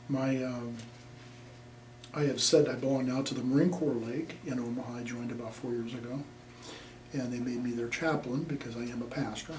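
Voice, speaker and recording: A veteran from Nebraska, USA, an older man, speaks plainly in an oral history interview and rambles with plenty of fillers. His voice is medium in pitch and a little mellow. There's faint noise, an echoey room and a distant mic.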